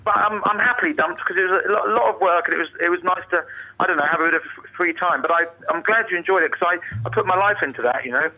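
A man's voice: high-pitched, fast talker. A man comedian talking by mobile phone on a radio show, self-mocking and a bit rambling. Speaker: comedian guest. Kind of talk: casual radio chat by phone. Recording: thin mobile phone line.

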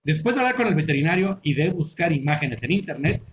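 A man's voice: a little high, quick pace, slight background noise. A man with a Mexican Spanish accent who hosts a podcast, reading a listener's story aloud in casual comedic chat and laughing often. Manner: animated, laughs often, reads aloud with playful voices.

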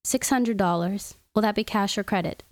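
A flat, businesslike bouncer, as a woman reads him. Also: mid-range voice, normal speed, no room sound, close to an everyday voice. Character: businesslike male strip club bouncer.

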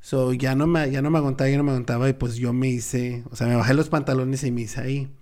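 A man, co-hosting a podcast and telling a childhood story in a deadpan, casual way. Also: mid-range voice, fast. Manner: deadpan, tells stories with acted quotes. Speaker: podcast co-host.

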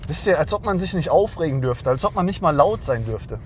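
A man's voice: fairly high pitch, expressive, a little fast. Blunt ranting guy in his 20s, voice jumps all over, bit of hiss behind. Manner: blunt, fired-up, scolding. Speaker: dating coach YouTuber. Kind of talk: ranting monologue to camera.

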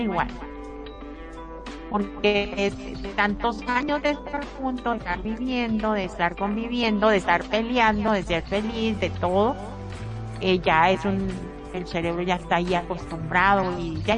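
An earnest woman hosts a talk program and walks through relationship troubles point by point, repeating herself for emphasis. Her voice sits at a middle pitch. Music plays clearly behind her throughout. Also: normal speed. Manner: earnest, lists points in long repetitive runs. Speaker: radio talk show host. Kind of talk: casual advice talk. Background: background music.

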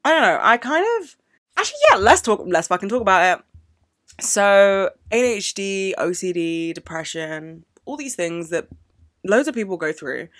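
In a mid-range, somewhat bright voice, a young woman rants through her solo podcast without a script, emotional and swearing a lot. The podcast microphone recording is dry and studio quality.

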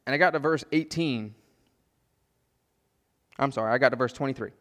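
A man preaching a sermon as pastor, earnest and gentle, his voice sometimes dropping soft for asides. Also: mid-range voice, moderate pace, big-room sound. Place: church sanctuary.

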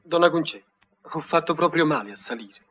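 A soft-spoken young lover in a 1950s radio play. He pleads and stays polite. His voice is husky and a little high. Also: lively intonation, fairly quick. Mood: uneasy.

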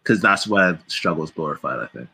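Bloke bantering on a podcast, raspy and forceful, casual. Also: male voice, sits low, lively intonation, normal speed. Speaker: podcast panellist.

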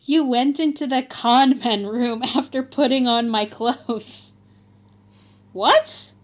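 Reading a fan story aloud for comedy, a woman speaks slowly in a slightly high voice. She adds theatrical emphasis and keeps breaking into laughter.

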